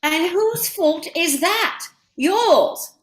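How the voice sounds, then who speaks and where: A woman's voice: extremely high pitch, lively intonation, drawn-out words, exaggerated voice. A woman playing a gushing, imperious society lady in a stage play reading, with an affected theatrical manner. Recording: echoey room.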